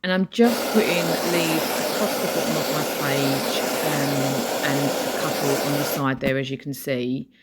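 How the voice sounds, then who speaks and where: Low-voiced woman narrating her art process. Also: fairly even intonation, measured pace, hardly any pauses, heavy background noise. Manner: chatty, explains her supplies and gives practical tips. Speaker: art journaling creator. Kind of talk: casual voice-over narration of a craft process video.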